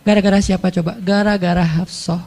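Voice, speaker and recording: A woman preacher telling a religious story in a lively, chatty, conversational way. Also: fairly low pitch, a little fast, in a large hall. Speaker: Islamic preacher. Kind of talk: storytelling sermon.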